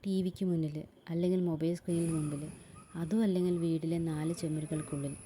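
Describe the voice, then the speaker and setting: A woman reading a scripted voice-over narration in a measured, explanatory way. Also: low-pitched, steady tone, dark tone, a little hiss or hum.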